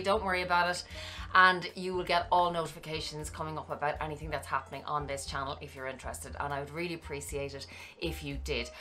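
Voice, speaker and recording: Bright-voiced chatty woman vlogger. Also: on the low side. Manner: chatty and effusive, thanks viewers warmly and often. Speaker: luxury handbag and fragrance vlogger. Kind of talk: casual vlog chat to camera.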